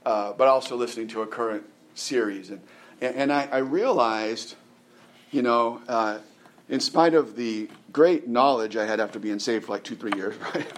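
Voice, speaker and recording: A man's voice: medium pitch, moderate pace, a little hiss or hum. A man in his forties preaching a conversational sermon, rambling with lots of restarts and tag questions. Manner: rambling, many restarts and "right?" tags. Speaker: pastor.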